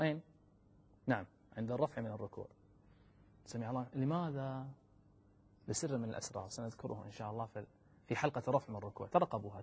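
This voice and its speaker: A man's voice: fairly high pitch, slightly rough, in a large hall. A man giving a religious lesson, asking questions and answering them himself as he demonstrates. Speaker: Islamic teacher.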